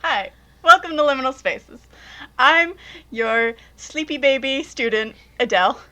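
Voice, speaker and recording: A woman's voice: high voice, expressive, unhurried, sharp tone. A woman co-hosting a casual podcast, teasing, giggly and enthusiastic. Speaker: podcast co-host.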